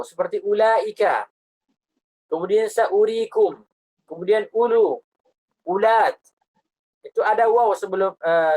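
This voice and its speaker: Female recitation teacher, patient explainer, slow repeated examples. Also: mid-range voice, a little mellow, low-quality recording. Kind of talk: explanatory religious lesson.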